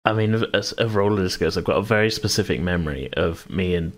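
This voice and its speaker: In a low-pitched, fast voice, a British man in his thirties, a podcast host and game master, leads a casual chat. He wanders, hedges, and often breaks off mid-sentence.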